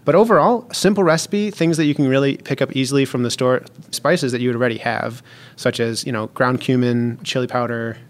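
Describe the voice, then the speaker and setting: Relaxed man explaining a recipe. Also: mid-range voice, fairly quick. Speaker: podcast guest cook. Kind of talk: casual podcast chat. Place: public library recording space.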